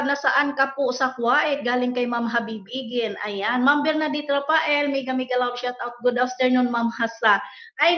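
A woman hosting a casual livestream, politely reading out viewers' names and greetings in a chatty way. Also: a little high. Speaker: livestream host. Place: indoors, worker's home abroad. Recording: echoey room, dull lo-fi sound.

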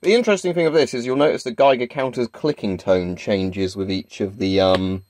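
Indoors in a small carpeted room at home, a man who makes gadget demo videos shows off a device on camera, talking off the cuff and casually. His voice is on the low side and a little fast, with the clicks and crackle of a Geiger counter clearly audible behind him.

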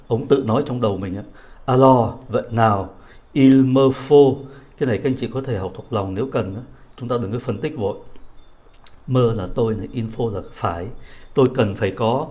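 A man teaching a French reading lesson, reading phrases slowly and carefully and then explaining them quickly. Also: medium pitch, darkish tone.

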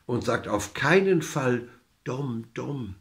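A man's voice: medium pitch, animated, slow pace. A man voicing a poor, good-natured old peasant in a fairy tale, giving a mild warning.

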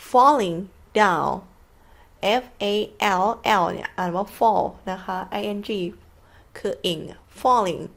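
Slow, patient Thai woman teaching English. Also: mid-range voice. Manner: spells words letter by letter and repeats them slowly. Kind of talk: slow, patient classroom explanation.

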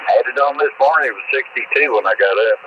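A man's voice: mid-range voice, lo-fi sound. Man on a noisy shortwave radio signal. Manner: halting, many fillers. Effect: heard through a shortwave radio receiver, single sideband signal. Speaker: amateur radio operator on the air. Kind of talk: casual on-air chat.

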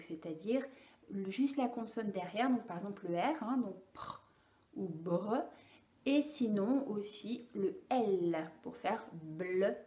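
Slow-talking woman speech therapist. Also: on the high side, echoey room. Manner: slow, careful, demonstrating sounds. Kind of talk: instructional demonstration for parents.

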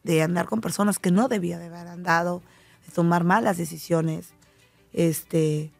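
A middle-aged Mexican woman speaks as a talk-show guest, her voice slightly gravelly. She tells personal stories animatedly, slipping into the voices of the people she quotes. Faint music plays underneath. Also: fairly low pitch, steady tone, moderate pace, no room sound. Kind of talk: casual talk show conversation.

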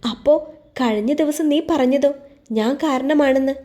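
A woman's voice: high-pitched, moderate pace, close to an everyday voice. Paru, a woman doing a tearful young woman. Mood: pleading. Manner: pleading, soft.

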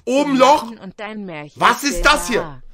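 A man streaming, who reads a story aloud and chats casually, talking loudly and boisterously and breaking into shouts. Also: extremely high pitch, sing-song, slow pace, a crowd in the background. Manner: loud, boisterous, bursts into shouts. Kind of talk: reading a story aloud, then casual chat.

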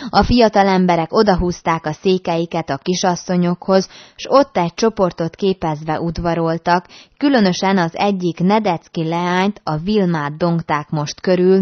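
A woman narrating a classic novel as an audiobook in a measured storytelling manner. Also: on the low side, dry recording. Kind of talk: reading a classic novel aloud. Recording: dull dry recording.

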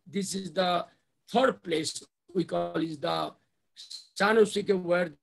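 A middle-aged man with a Nepali accent presenting slides on a video call in halting, repetitive phrases. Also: sits high, creaky. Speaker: university official presenting a development plan. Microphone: video call microphone.

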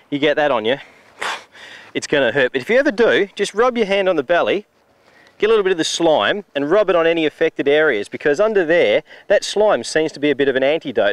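A middle-aged Australian man hosting a fishing show, explaining technique on a riverbank and getting excited when fish bite. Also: fairly high pitch, no echo. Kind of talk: on-location fishing demonstration. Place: outdoors on a river beach.

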